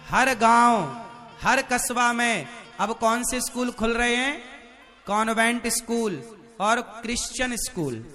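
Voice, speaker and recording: A man's voice: very high-pitched, pushed and bright. A man preaching a fiery sermon to a live gathering, keeps asking the crowd for answers. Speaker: spiritual preacher.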